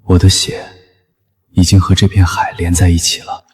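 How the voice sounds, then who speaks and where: A man's voice: low voice, monotone, moderate pace, breathy edge. An actor playing a resolute, intense young man who leads an ocean team by intuition, in a screen drama. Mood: grave, brooding.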